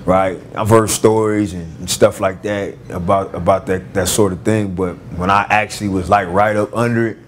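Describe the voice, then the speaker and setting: A man with a very low voice tells his story in a relaxed, casual way, with a Los Angeles street-slang accent. He stumbles through it with many fillers, restarts and repeated words. A faint hiss sits under his voice. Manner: halting, full of fillers and restarts. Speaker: former gang member telling his story.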